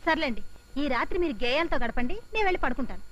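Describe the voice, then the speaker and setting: An actress playing a devoted young wife in a film comedy, speaking in a coy, gentle way. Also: female voice, sits high, lively intonation, racing, rough recording.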